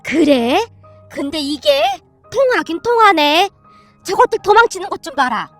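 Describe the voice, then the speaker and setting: A woman's voice: very high-pitched, very animated, measured pace, fairly bright tone, soft background music, full character voice. A woman voicing a meek middle-aged mother-in-law, eager and trying hard to sound tough.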